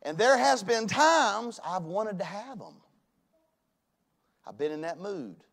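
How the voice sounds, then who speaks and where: A man, preaching a sermon in a church. He swings from loud emphasis to hushed tones. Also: high-pitched, big pitch swings, slow pace, gravelly. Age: 40s. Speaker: pastor. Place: church sanctuary.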